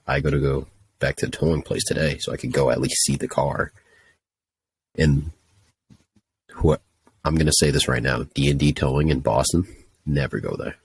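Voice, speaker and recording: Very deep husky-voiced young man. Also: fairly even intonation, normal speed, long pauses, no echo. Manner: profane, exasperated ranting. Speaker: podcast host telling a story. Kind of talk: casual storytelling.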